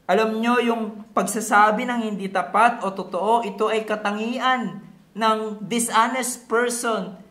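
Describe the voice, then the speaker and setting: In an echoey room, a Filipino pastor preaches a sermon that mixes Tagalog and English, teaching through rhetorical questions and repeating key words for emphasis. His voice sits high and bright, with a forceful tone, fairly even intonation, and an unhurried pace.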